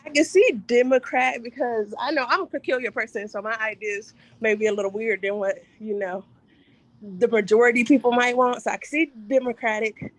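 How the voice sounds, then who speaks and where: A woman's voice: a little high, steady tone, a little fast, poor audio. A woman sharing her views in an online workshop, candid and chatty, slightly out of breath. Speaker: workshop participant. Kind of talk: casual discussion.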